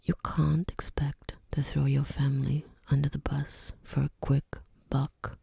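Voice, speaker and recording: An ASMR creator giving an opinionated ramble in a soft, breathy whisper, repeating words and phrases deliberately. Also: medium pitch, completely flat delivery, dry recording, studio quality.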